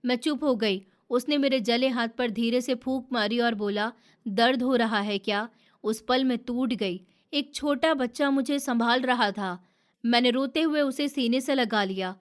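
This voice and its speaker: Emotional woman narrator, slightly high voice. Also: unhurried. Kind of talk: first-person storytelling.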